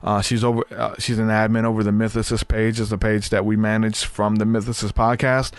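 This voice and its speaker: This podcast host, in his thirties, rambles through a casual chat full of fillers and repeated words, his voice wearing out after talking so long. It's fairly low, clear and resonant, delivered flatly and briskly. The recording is dry.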